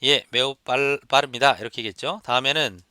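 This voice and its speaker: A man's voice: mid-range voice, a little fast, pushed and bright, clear, resonant tone, no room sound, clean studio sound. A man teaching an exam listening lesson, explaining step by step and repeating examples for students to copy. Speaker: English test instructor. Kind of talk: lecture.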